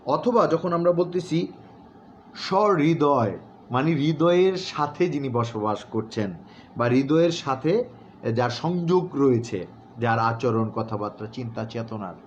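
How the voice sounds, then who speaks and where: A man from Bangladesh teaching pronunciation, repeating example words slowly and deliberately between frequent filler sounds. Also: medium pitch, animated. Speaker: recitation and newsreading instructor. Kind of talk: pronunciation lesson. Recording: dull, slightly noisy home recording.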